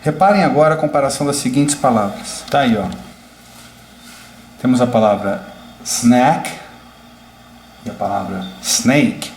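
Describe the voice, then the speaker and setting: A male teacher walks a class through pronunciation and shapes each example word with care. His mid-pitched voice sounds out in an echoing room, over a faint hum of background noise. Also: animated, a little mellow. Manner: slow, deliberate, demonstrative. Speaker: English teacher.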